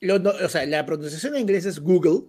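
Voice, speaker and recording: A man's voice: high-pitched, lively intonation, fast talker, darkish tone. A young Peruvian man co-hosting a comedy podcast, playfully exasperated, correcting his partner and swearing casually. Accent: Peruvian Spanish. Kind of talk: comic banter.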